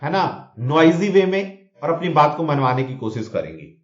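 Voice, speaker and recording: At normal speed and with big pitch swings in a high voice, a male exam coach teaches vocabulary through a Hindi-English mix. Mnemonics, repeated words and constant "theek hai na?" checks fill the lesson, which was recorded in an echoey room with dull lo-fi audio.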